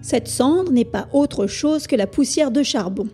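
Woman doing a cocky young reporter guy, mellow and sure of himself, music in the back. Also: high voice, lively intonation, a little slow, breathy edge, heavily acted. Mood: explaining. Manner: self-assured, explanatory. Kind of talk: audiobook reading.

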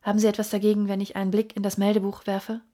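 A woman reading an audiobook, voicing a calm, keen-minded male detective who speaks in a measured, inquisitive, sometimes hushed way, with a husky voice. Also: medium pitch, natural voice.

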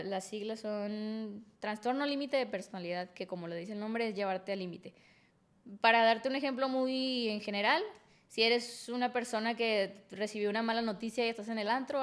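A woman's voice: medium pitch, normal speed. A woman with a Mexican accent, a podcast guest telling a personal story frankly and emotionally, full of fillers.

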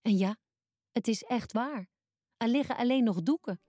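A woman narrating a scripted children's Bible story, telling it calmly, clearly and simply. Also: fairly high pitch, normal speed, no echo, soft background music.

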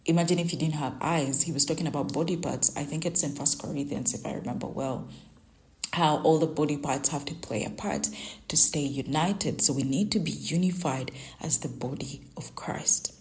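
A young Luganda-speaking woman hosts a devotional podcast, giving earnest, conversational Bible reflections and teaching tied to her own life. Her voice is low-pitched with a darkish tone, delivered at a normal speed.

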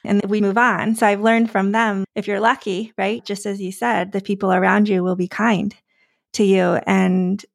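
A woman's voice: mid-range voice, level tone, moderate pace, gravelly, no echo, studio quality. A woman hosting an interview, talking in a candid, chatty way. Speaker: podcast host. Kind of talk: conversational interview.

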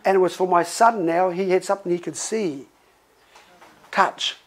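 Preaching in a relaxed, story-driven style, this middle-aged male pastor laughs as he animates his sermon. He speaks at a moderate pace in a high-sitting voice, captured on a low-quality recording.

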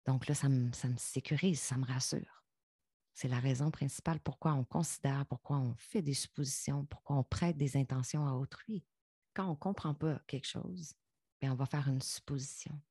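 A woman's voice: very deep voice, normal speed, dark tone, slightly rough, no echo, studio quality. A woman with a Québécois French accent giving an earnest self-help talk. She coaches her listeners directly and drops in English asides. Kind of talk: motivational talk to viewers.

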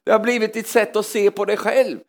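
Animated charismatic preacher man. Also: high voice. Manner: animated, swings between loud exclamations and hushed asides, with halting repetitions. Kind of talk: charismatic sermon. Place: church.

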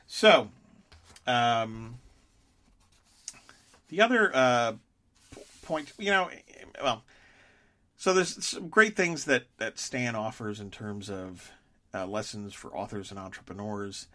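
A man hosting a solo podcast, talking in a halting way with many fillers and frequent throat clearing. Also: mid-range voice, expressive, bright, forceful tone. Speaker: podcast host.

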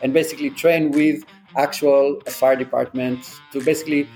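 A man's voice: mid-range voice, flat delivery, normal speed, a little mellow, faint music behind. Man explaining in an interview. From Israel. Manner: earnest, practical, explains with examples. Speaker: drone company founder. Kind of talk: conversational interview answers.

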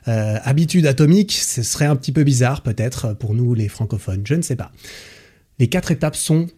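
Male podcast host, dark husky tone, chatty and enthusiastic, slangy, lots of fillers. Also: medium pitch, lively intonation, normal speed. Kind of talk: casual book summary.

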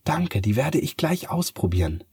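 A man's voice: mid-range voice, very animated, moderate pace, a little mellow, breathy edge, no room sound, clean studio sound, pitched above the performer's own voice, exaggerated voice. A man voicing a sleepless, stubborn young girl in a bedtime story, asking doubtful questions.

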